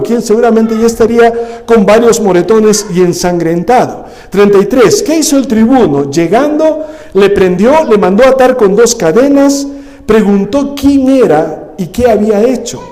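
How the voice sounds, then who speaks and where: A male pastor preaching a lively sermon, often calling his listeners "brother" and asking them rhetorical questions. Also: high-pitched. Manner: animated, addresses listeners as "hermano", rhetorical questions. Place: church hall. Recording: echoey church hall.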